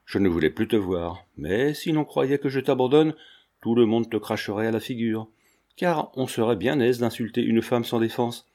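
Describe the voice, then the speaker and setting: A man reading the part of a stern, proud aging carpenter father in a storybook, with slow, weighty delivery. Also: mid-range voice, dark tone, close to an everyday voice. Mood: bitter.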